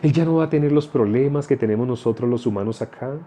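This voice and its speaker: A man voicing a gentle consoler who speaks slowly and softly to a grieving mother. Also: mid-range voice, lightly acted. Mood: soothing. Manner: soft, slow and hushed.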